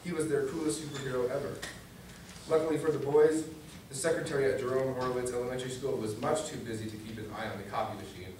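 The guest reader is a young adult man who serves as student government vice president, reading a children's book to an audience in a library's medium indoor meeting room. He speaks quickly at a medium pitch, with a steady, darkish tone. Recorded far away on a camera facing a podium, the sound is echoey and noisy.

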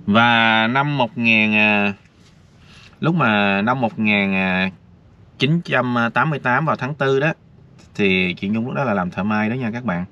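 Filmed outdoors, this male vlogger speaks on the low side with a pushed, bright tone. He rambles in a chatty way, addressing his audience directly, and the audio is dull lo-fi with a little noise.

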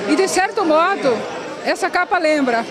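A woman's voice: very high voice, animated, normal speed. A woman in her fifties, a book author interviewed at an indoor book fair stand, answering thoughtfully with restarts into a handheld mic. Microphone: handheld reporter mic. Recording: crowd noise behind. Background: fair crowd.

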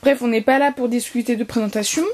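Chatty hoarse teen girl vlogging. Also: fairly high pitch, steady tone, fast, a little mellow, a little hiss or hum. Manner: rambling, many fillers and restarts. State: slightly hoarse. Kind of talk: casual vlog chat.

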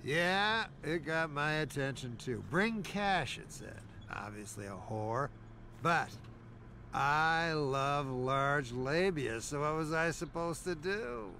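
A man voicing a crude, sleazy male pigeon in a cartoon series, telling his story in a flat, deadpan, vulgar way. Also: on the high side, slow pace, a little hiss or hum, exaggerated voice. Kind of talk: animated TV series voice acting.

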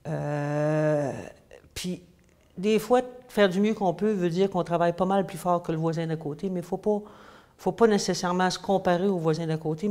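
A fairly low-pitched woman with a darkish tone, an English teacher in her fifties, answers interview questions, hesitating and using many fillers. She has a Quebec French accent from growing up in the United States and then Quebec, and is indoors in a small room against a plain wall.

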